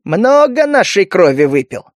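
A man's voice: high voice, very animated, unhurried, no echo, studio quality. A man voicing a sly, fawning spider creature in an audiobook, speaking in a wheedling, ingratiating way.

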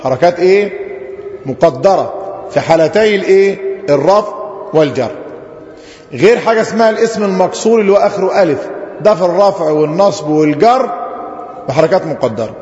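Teaching grammar in a lo-fi hall with a roomy sound, this Egyptian Arabic-accented man keeps posing questions to the class and then answering them himself, stretching out example phrases slowly. His voice sits high, with lively intonation and a darkish tone.

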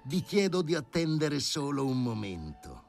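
A man's voice: mid-range voice, sing-song, a little slow, soft background music, pitched above the performer's own voice. A man reading an audiobook, voicing an indignant aging male professor who speaks with haughty, scornful politeness.

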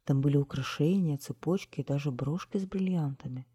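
A woman narrating a children's storybook in a lively, expressive way on a close mic. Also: low-pitched, fairly quick, husky, dry recording. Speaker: audiobook narrator.

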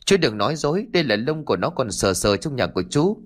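A man's voice: sing-song, fast talker. A man voicing a stubborn, grieving young village girl, with a pleading, raised voice. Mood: angry, accusing. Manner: pleading, tearful, raised high voice.

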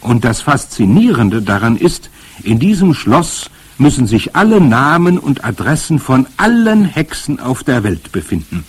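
A man reading aloud plays a spirited, determined old grandmother who speaks in a brisk, emphatic and commanding way. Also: mid-range voice, big pitch swings, breathy edge, pitched above the performer's own voice, exaggerated voice. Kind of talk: audiobook character voice.

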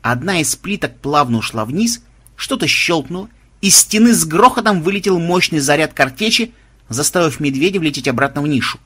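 A man reading a story aloud in a lively, expressive manner. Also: a little high, a little fast, slightly rough. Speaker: audiobook reader. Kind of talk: scripted story narration.

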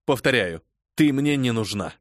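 A man's voice: mid-range voice, animated, normal speed, dry recording, studio quality, lightly acted. A man voicing a cold, scornful noblewoman who gives harsh commands in an audiobook reading.

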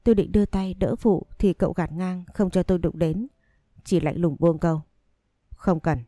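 Low, mellow woman narrating a story. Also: normal speed, no echo, studio quality. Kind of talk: scripted first-person story narration.

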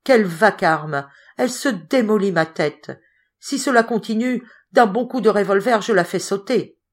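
A man's voice: sits high, animated, a little slow, heavily acted. A woman voicing a brutish, scheming male trapper in an audiobook, whining and gloating. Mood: moaning. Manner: whining, then gloating and shouting.

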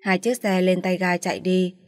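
Low-voiced woman narrating a story. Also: moderate pace, no room sound. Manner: calm, even reading. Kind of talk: scripted first-person story narration.

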